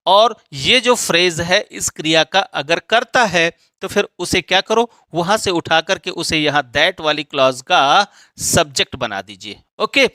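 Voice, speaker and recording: A man explains English grammar to students step by step, often stopping to ask whether they follow. His voice sits high and sounds bright and forceful. The sound is dry and close. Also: animated, unhurried, no echo. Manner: explains step by step with frequent check questions.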